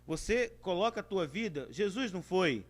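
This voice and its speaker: A man with a Brazilian Portuguese accent preaching a sermon, calling his listeners "amados" and swinging widely between loud and soft. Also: moderate pace. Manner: addresses listeners as "amados", animated with big swings of pitch and volume.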